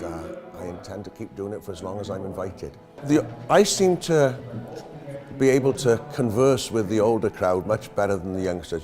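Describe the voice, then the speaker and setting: A Welsh man in his fifties, an entertainer, answering interview questions in a jokey, self-deprecating way. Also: lowish voice. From Wales. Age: 50s.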